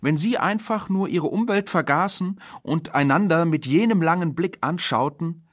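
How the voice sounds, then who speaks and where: Man, literary reader, husky voice, calm reading, dry sound. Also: fairly high pitch, normal speed, no echo.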